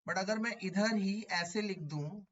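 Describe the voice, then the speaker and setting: A man's voice: high voice, a little slow, a bit bright, dull audio. A man teaching a chemistry class online, explaining step by step and repeating key terms, asking his students questions. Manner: addresses students as beta, asks them questions.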